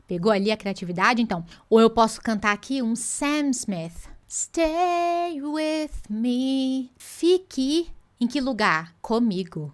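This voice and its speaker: Lively woman teaching English. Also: on the high side. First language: Portuguese. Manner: lively, playful teacher, slows phrases down to demonstrate. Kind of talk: online English lesson.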